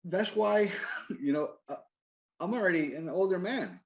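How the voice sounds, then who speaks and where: A man in his forties seeking business advice, agreeable and halting, often repeating himself. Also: high-pitched, animated, muffled recording. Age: 40s. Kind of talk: casual consultation talk.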